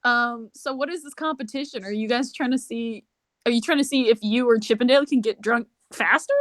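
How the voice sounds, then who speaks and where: A woman's voice: fairly high pitch, fairly quick, dry recording. Woman gm narrating a tabletop game, laid back, lots of ums, dry sound. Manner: relaxed, hesitant, often laughing. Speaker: game master.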